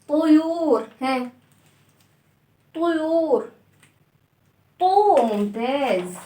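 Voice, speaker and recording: High-voiced Egyptian woman teaching children phonics. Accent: Egyptian Arabic. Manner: animated, drawn-out syllables and repeated words. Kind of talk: phonics lesson for young children. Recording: echoey room.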